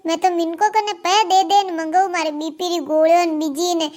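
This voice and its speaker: Cartoon old Marwari granny, played by a woman, piercingly high voice, endlessly grumbling about her family. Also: fairly even intonation, normal speed, a little mellow. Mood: complaining. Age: older. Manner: complaining, scolding. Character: grumbling old grandmother with four sons. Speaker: cartoon character. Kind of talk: cartoon comedy dialogue.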